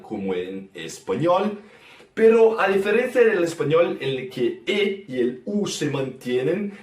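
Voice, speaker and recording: A man with a Brazilian Portuguese accent, a native Portuguese speaker, slowly teaching vowel sounds and repeating example words. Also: a little high, reverberant, distant mic. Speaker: guest teacher. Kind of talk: language lesson.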